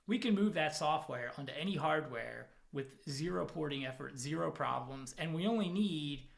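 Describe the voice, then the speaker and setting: This man, a product manager presenting to a technical conference, talks over a video call from home in the evening. His gravelly voice is on the high side and moves at a moderate pace, and his style is relaxed and self-deprecating, full of fillers.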